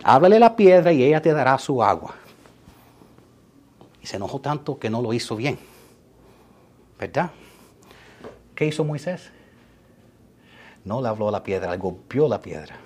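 A middle-aged man, preaching a lively sermon and acting out quotes, sometimes shouting. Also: medium pitch, normal speed, pauses often, slight background noise. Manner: animated, acts out quotes and shouts for emphasis. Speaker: pastor.

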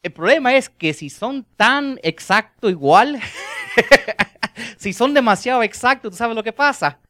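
Predicador animado, voz muy expresiva. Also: male voice, takes it slowly, no room sound, clean studio sound. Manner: animated, sweeping from soft low endings to loud emphatic lines. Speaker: preacher. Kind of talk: sermon.

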